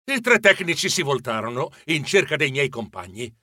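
A man narrating a children's adventure audiobook with playful, expressive storytelling. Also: fairly high pitch, moderate pace, no room sound, studio quality.

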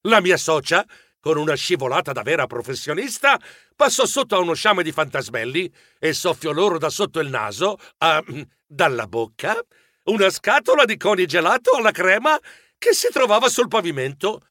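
A man narrating a children's story aloud in an expressive, playful way. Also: fairly high pitch, normal speed, no echo, studio quality.

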